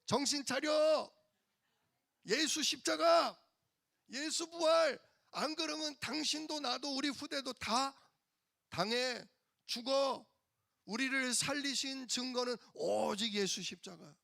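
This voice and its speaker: A man's voice: extremely high pitch, a little slow, gravelly, bright, forceful tone, voice pushed up, heavily acted. A preacher acting out an exasperated wife scolding her husband with sighing exclamations.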